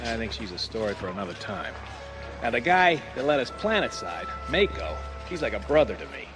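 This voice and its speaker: An actor playing a cocky, easygoing space smuggler with a wry, offhand manner in an audio drama. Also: male voice, medium pitch, sing-song, brisk, music in the background, lightly acted. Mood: reminiscent. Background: orchestral film score.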